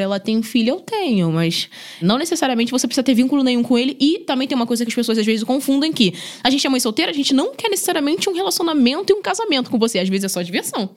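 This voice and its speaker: Fast-talking Brazilian woman telling stories. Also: sits high. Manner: chatty, animated, lots of "né?" and "gente". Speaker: podcast guest, single mother. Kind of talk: casual chat, personal storytelling.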